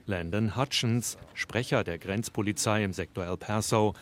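A man narrating a news report in an even, measured, scripted manner. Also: fairly low pitch.

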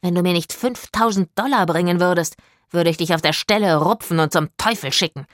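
A woman's voice: lowish voice, brisk, no room sound, studio quality, lightly acted. A woman voicing a sneering adult male sailor who hisses threats, in an audiobook. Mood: hissing. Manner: hissing, threatening. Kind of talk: audiobook narration.

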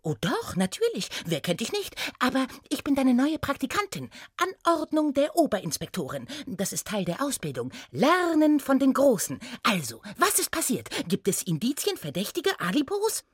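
A woman voicing a tiny, excited female gnome trainee who chatters eagerly in a high, bouncy voice. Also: moderate pace, few pauses, slightly rough, dry recording, studio quality, exaggerated voice.

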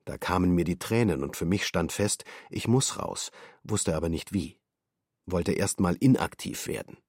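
A man's voice: low voice, normal speed, darkish tone, slightly rough, no echo, clean studio sound. An actor playing a male defendant in his thirties, giving clipped, terse testimony in a documentary radio drama.

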